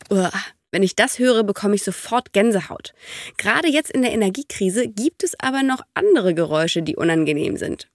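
A woman's voice: medium pitch, no echo. A woman with a congested, stuffy-nosed voice reading scripted narration as a podcast host.

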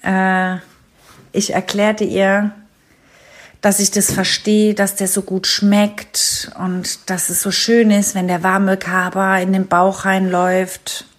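A mother sending a voice message, telling a family anecdote in a relaxed way with many hesitations. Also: mid-range voice. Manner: unhurried storytelling with many fillers. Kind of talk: casual spoken anecdote.

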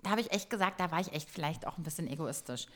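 A woman's voice: sits low, racing. A woman co-hosting a podcast in casual chat, telling self-mocking stories with lots of laughter. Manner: lively, self-mocking storytelling with frequent laughter. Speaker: podcast co-host.

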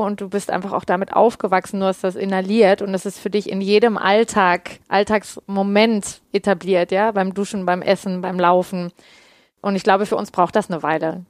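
A woman talking through mindfulness in a relaxed podcast chat, calm and explanatory, full of everyday examples. Her voice sits at an ordinary pitch. The sound is dry and close, with no room around it. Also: clear, resonant tone, no room sound. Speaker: mindfulness coach answering listener questions. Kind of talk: casual podcast conversation.

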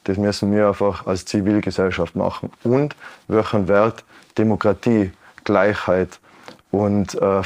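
Man, late thirties, Tyrolean accent, slightly low pitch, measured and earnest. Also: darkish tone. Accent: Tyrolean Austrian German. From Tyrol, Austria. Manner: earnest, measured, many fillers and restarts. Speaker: guest, Anne Frank House educator. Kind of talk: broadcast interview.

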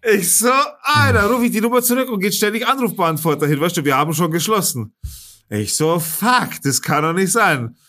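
A man's voice: high voice, animated, a little fast, sharp tone, faint music behind. A man, a podcast host telling a story in casual, slangy chat and swearing freely.

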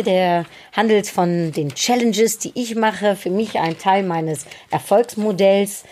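A woman hosting a podcast, speaking in a reflective monologue with halting delivery as she thinks aloud. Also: fairly low pitch, dark tone. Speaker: podcast host.

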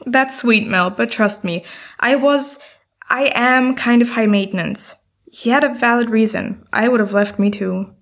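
A woman's voice: fairly high pitch, a little slow, a bit bright. An actress playing an anxious, heartbroken young woman in an audio drama, speaking in a self-deprecating, apologetic way. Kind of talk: scripted audio drama dialogue.

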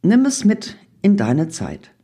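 A woman reading aloud and voicing September as a gentle, friendly male figure who speaks softly and consolingly. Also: mid-range voice, wildly swooping pitch, takes it slowly, husky, voice pushed up, heavily acted. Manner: soft and consoling.

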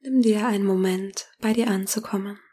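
A woman guides a meditation in a soft, breathy near-whisper, slowly and calmly with long pauses. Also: medium pitch. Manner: slow, calming, long pauses between phrases. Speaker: meditation guide and podcast host.

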